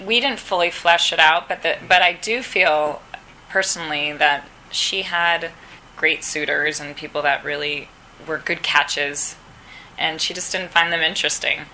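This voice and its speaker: Actress, female, low register with a bright, forceful edge; chatty interviewee who acts out quoted lines. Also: fairly even intonation, a little slow, slight background noise, poor audio. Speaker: actress interviewed at a press round table. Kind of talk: casual interview answers. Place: press round table.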